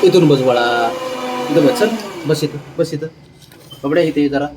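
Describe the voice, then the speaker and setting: A man's voice: a little high, normal speed, heavy background noise. A man casually talking to his pet cats at home, coaxing them with affectionate baby talk. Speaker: pet owner vlogger.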